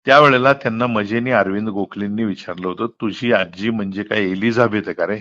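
A lowish, bright, forceful male voice comes through a telephone with dull audio. The middle-aged speaker moves briskly through a candid political conversation, explaining things emphatically and asking questions he doesn't expect answered, all captured off the call.

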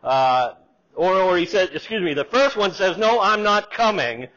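A middle-aged man preaches from a church pulpit, his voice sitting slightly high and moving animatedly as he lifts lines of scripture. The sound is lo-fi and a little muffled, captured from a distance in the sanctuary. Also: moderate pace. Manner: lively preaching, reads scripture aloud with rising emphasis. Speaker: pastor. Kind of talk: sermon. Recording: slightly dull, lo-fi church recording.

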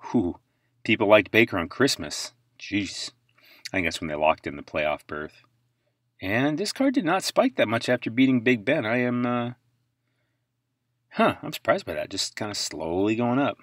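A man's voice: fairly low pitch, a bit bright, no echo, clean studio sound. A man hosting a sports card channel, chatting casually and rambling while he looks over price charts, now and then bursting into exclamations.

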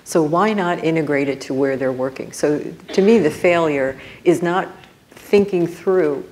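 Woman panelist, really low voice, talks in a measured reflective way. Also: a little mellow. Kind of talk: conference panel discussion. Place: conference stage before an audience.

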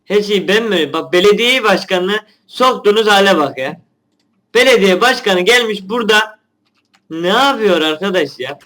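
A man's voice: high-pitched, expressive, moderate pace, bright, forceful tone. A young man, a gaming channel host giving casual gameplay commentary, chatty and grumbling at the game.

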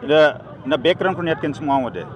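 At an outdoor evening gathering, a middle-aged political candidate with a Northeast Indian accent gives an argumentative, emphatic press interview, slipping into English at times. He speaks a little fast, animated, with a pitch on the high side. Close-held handheld news mics catch his voice over the noise of a busy crowd.

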